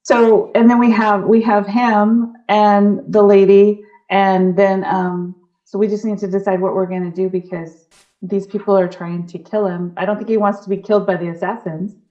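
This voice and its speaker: A woman playing in a tabletop game talks her plans through out loud. Her voice sits at a middle pitch, and the recording is dull and lo-fi. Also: little pitch movement, moderate pace. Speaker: player. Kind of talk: casual tabletop play. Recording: dull lo-fi sound.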